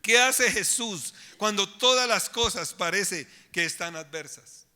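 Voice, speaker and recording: A man's voice: high-pitched, lively intonation, a little slow, bright, forceful tone, long reverb tail. A man preaching a sermon as pastor, with emphatic delivery, addressing the congregation directly in a church.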